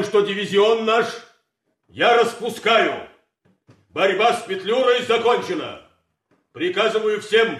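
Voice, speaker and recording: An actor playing a stern, bitterly sarcastic army colonel in a period military drama, declaiming orders deliberately with heavy pauses. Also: male voice, high voice, fairly bright tone. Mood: solemn, commanding. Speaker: commanding officer. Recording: echoey hall.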